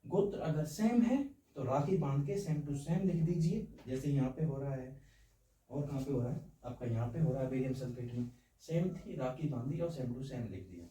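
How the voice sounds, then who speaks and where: A man's voice: medium pitch, normal speed, mellow. A man teaching a science lesson, explaining with homely, playful analogies and checking often that students follow. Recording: echoey room, voice from far off.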